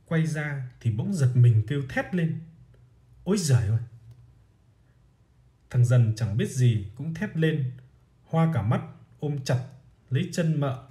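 A man narrating a short story in a measured, storytelling manner. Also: medium pitch, animated, warm tone. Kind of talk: audiobook reading of a short story.

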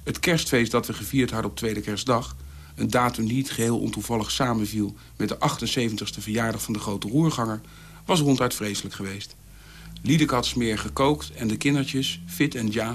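A man's voice: medium pitch, slight background noise. A man narrating a story on the radio in a wry, weary manner. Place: radio studio.

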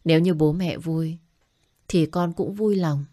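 Narrator doing a quiet obedient daughter in an audio story, low soft voice. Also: female voice, a little slow, no echo, clean studio sound. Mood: resigned. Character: meek young daughter, sad and obedient.

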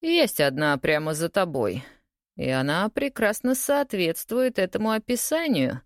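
A woman's voice: fairly low pitch, measured pace, no echo. A woman reading the part of a suave, unflappable English lawyer with dry, teasing wit in an audiobook. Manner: calm, teasing, deadpan.

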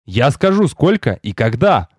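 A man's voice: medium pitch, sing-song, unhurried, breathy edge, no echo, studio quality. A man voicing a stern young male lord and mage who gives curt orders.

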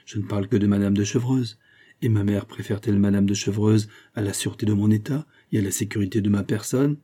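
A resolute young king from a read-aloud novel holds the room with firm, commanding speech. A man voices him in his own low, dark, husky register, lifted only a little for the royal lines. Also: steady tone, fast talker. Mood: insistent.

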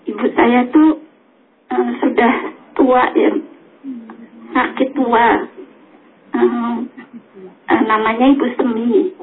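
Older lady calling in, halting and hesitant, tinny phone sound. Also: on the high side, little pitch movement, slight background noise. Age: 60s. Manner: hesitant, halting, many pauses. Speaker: caller. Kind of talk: phone-in question.

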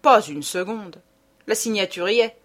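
A woman voicing an old, gruff male police inspector who speaks bluntly, in an audiobook. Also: mid-range voice, moderate pace, close to an everyday voice.

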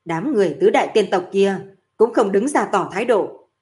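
A woman voicing a scheming male cultivator who mutters low and resentful lines in a storybook reading. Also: animated, moderate pace, a little mellow. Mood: grumbling.

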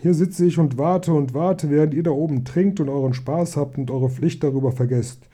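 A man voicing a grumpy old male elf cellarman in a storybook reading, gruff and grumbling. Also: fairly high pitch, normal speed, mellow, close to an everyday voice.

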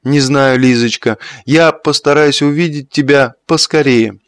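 A well-mannered, reserved young lady turns down requests gently, as a man reads her in an audiobook. The voice sits at a plain middle pitch, recorded dry and close. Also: fairly even intonation, unhurried, smooth, no room sound, lightly acted. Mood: polite. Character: polite reserved young woman, a former schoolgirl.

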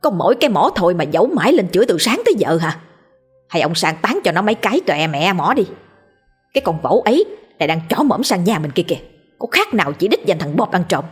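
A woman voicing a foul-mouthed village wife who hurls rapid, shrill curses at a neighbour. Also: sing-song, slightly rough, soft background music, full character voice. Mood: spiteful. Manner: shrill rapid cursing tirade.

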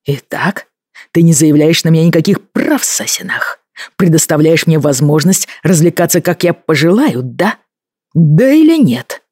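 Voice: mid-range voice, normal speed, husky, no room sound, clean studio sound, lightly acted. A reader voicing a furious young Scottish husband. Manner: forceful, clipped, rising to shouts. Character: angry young Scottish husband, fiercely proud.

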